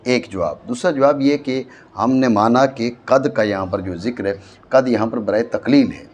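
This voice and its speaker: A man with a Pakistani Urdu accent teaching a classroom grammar lesson, explaining slowly and often checking that his students follow. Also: mid-range voice. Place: madrasa classroom.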